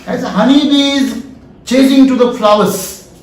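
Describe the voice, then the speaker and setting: At normal speed and with a steady tone, a very high-pitched man with an Indian English accent gives a farming seminar as its founder. The distant mic picks up an echoey room while he repeats his points and draws call-and-response by asking "yes or no?".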